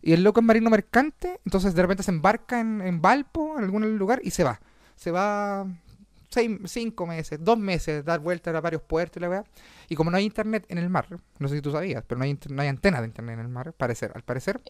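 A Chilean comedian and podcast host telling stories in a casual, swearing, laugh-filled chat. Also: male voice, high voice, brisk, clean tone, dry recording. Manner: swearing, animated, laughs often.

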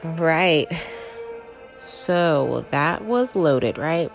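A woman with a slightly low voice, stuffed up from a cold. She hosts a casual review show, talking in a chatty, conversational way with plenty of filler words. Faint music sits behind her. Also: lively intonation, drawn-out words, gravelly. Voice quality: congested, stuffy-nosed from a cold. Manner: chatty, conversational, frequent "like" and "you know". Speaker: host of a horror movie review show. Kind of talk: casual solo review chat.

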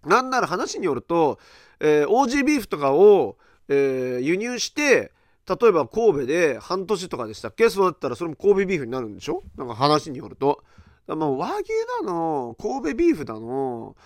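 A man's voice: fairly high pitch, brisk, no echo, clean studio sound. A middle-aged man hosting a podcast, chatting casually and telling a story in a loose, rambling way, with many fillers and acted-out reactions. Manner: animated storytelling, acting out others' reactions. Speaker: podcast host.

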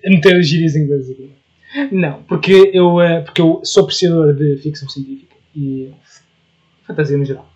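Young Portuguese male co-host, rapid, bright-pitched, casual slang, lo-fi sound. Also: fairly even intonation. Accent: European Portuguese. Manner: playful, uses slang and English gamer words. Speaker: podcast co-host. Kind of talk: casual chat.

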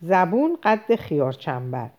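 A woman's voice: fairly low pitch, sing-song, a little mellow. A woman reading the part of a chatty older female housekeeper who rambles on with complaints and fond endearments. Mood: complaining.

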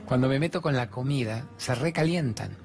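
A man's voice: medium pitch, fairly quick, creaky, darkish tone, soft background music. An older man with a Rioplatense Spanish accent hosts a motivational talk, speaking playfully and acting out conversations in raised voices. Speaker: host giving motivational talk. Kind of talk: animated spiritual pep talk.

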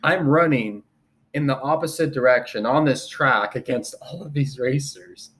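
A man's voice: medium pitch, normal speed. A man co-hosting a podcast, telling a story in casual chat and acting out what people said. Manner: animated storytelling, acting out quotes. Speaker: podcast co-host.

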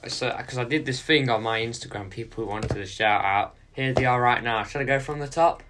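Young guy on a podcast, low-key short answers, average pitch. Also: a little fast, noisy background. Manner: laid-back, brief, mumbled answers. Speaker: podcast co-host. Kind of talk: casual chat.

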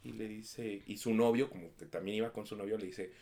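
A young man with a Mexican accent, co-hosting a casual chat and telling a slangy, animated story. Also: on the low side, a little fast. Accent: Mexican Spanish. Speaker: podcast co-host.

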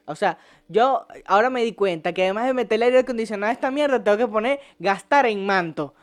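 With a high pitch and a quick pace, a young Venezuelan man hosts a casual podcast on a home set. He spins stories packed with profanity, jokes, and plenty of laughs.

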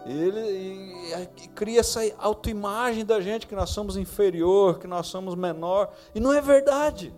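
A man's voice: high-pitched, fairly even intonation, measured pace, few pauses, darkish tone, faint music behind. Brazilian man preaching with fervent emphasis. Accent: Brazilian Portuguese. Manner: storytelling, rising to fervent emphasis. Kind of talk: sermon.

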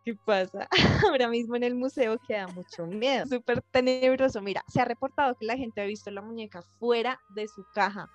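Excitable woman podcast host. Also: on the high side, brisk, no room sound, faint music behind. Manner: excitable, jokey, reacts loudly. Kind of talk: casual chat telling paranormal stories.

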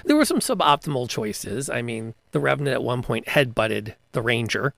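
A man's voice: mid-range voice, big pitch swings, normal speed, creaky, fairly bright tone, no room sound. A man in casual chat, telling game stories with lots of enthusiasm and restarts. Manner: enthusiastic storytelling with many restarts. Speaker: podcast co-host, game master. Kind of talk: casual chat about tabletop gaming.

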